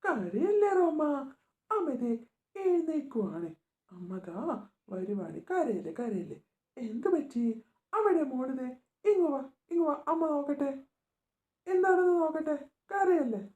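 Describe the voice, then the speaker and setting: A woman voicing an anxious young mother doll in a homemade doll story, talking softly and soothingly as she fusses over a sick child. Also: high voice, big pitch swings, unhurried, long pauses, highs cut off. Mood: worried, soothing. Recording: echoey room.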